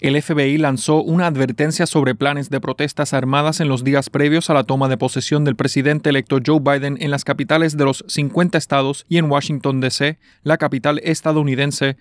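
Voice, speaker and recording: A man's voice: on the high side, flat delivery, fairly quick, few pauses, no room sound, clean studio sound. A man anchoring scripted AM radio news in a formal, factual manner.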